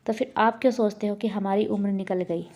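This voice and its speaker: A woman's voice: mid-range voice, steady tone, brisk, a little mellow. A woman in her thirties, a homemaker vlogging, talking casually and earnestly to encourage her viewers. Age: 30s. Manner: earnest, encouraging, repeats herself. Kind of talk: casual motivational vlog talk.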